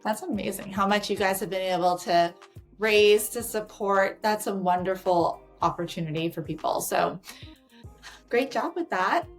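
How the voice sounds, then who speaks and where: A woman's voice: medium pitch, normal speed. A woman with a mid-range voice hosts a podcast, asking questions and cheering on her guest. Faint music plays underneath. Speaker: podcast host. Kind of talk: casual interview.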